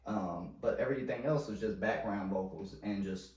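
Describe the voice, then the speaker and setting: A man's voice: fairly low pitch, moderate pace, darkish tone. A man talking in a loose, rambling casual chat, heavy on slang and filler, often trailing off and restarting. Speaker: podcast host. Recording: roomy sound, mic at a distance, faint noise.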